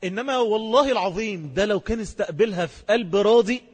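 A man preaching an Islamic sermon in an Egyptian Arabic accent, telling stories with rapid, impassioned delivery and sudden emphatic rises. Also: high-pitched, big-room sound.

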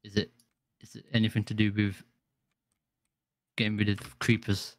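A man chatting in a relaxed, offhand way while playing a game with a friend. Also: lowish voice, normal speed, dry recording, clean studio sound. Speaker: streaming co-player. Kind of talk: casual chat while gaming.

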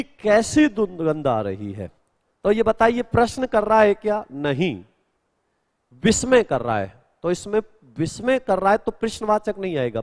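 A man's voice: high voice, darkish tone, long reverb tail. A male Hindi grammar teacher in a live exam-prep class, explaining answers step by step and answering students' questions.

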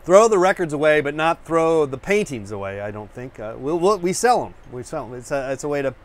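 Male painting-show host, a touch high-pitched, casual and rambling, over-caffeinated, lots of restarts. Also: sing-song, brisk. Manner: rambling, full of fillers and restarts; self-searching, hunts for words. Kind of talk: rambling casual chat to camera.

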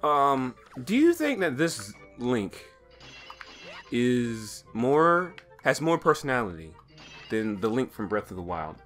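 Excitable young man with wildly swinging pitch. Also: slow pace. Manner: crude, sweary, excitable. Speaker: gaming video co-host. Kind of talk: casual, joking let's-play banter. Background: game music.

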